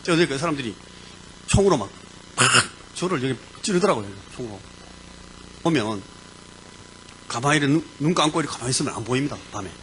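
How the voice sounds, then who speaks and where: Male pastor, mid-pitched voice, animated sermon storyteller over faint hiss. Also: fast, pauses often. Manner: animated storyteller, vivid sound words. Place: church.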